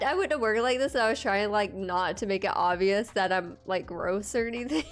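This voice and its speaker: A congested woman streamer chatting casually with her viewers, laughing often as she talks. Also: medium pitch.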